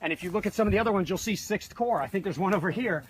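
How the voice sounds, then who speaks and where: A man's voice: sits high, racing, slight background noise, rough recording. A man giving an enthusiastic, conversational walking tour outdoors on a battlefield, streamed live on a phone. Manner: enthusiastic, conversational, lots of "you know". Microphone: phone livestream.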